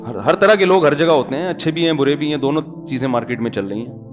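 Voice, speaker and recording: A middle-aged male preacher tells funny stories in a relaxed, chatty way, often calling his listeners brother. His voice sits a little high for a man. Soft music plays faintly behind him. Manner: chatty, humorous anecdotes, addresses listeners as brother. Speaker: Islamic scholar and preacher. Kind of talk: storytelling religious talk.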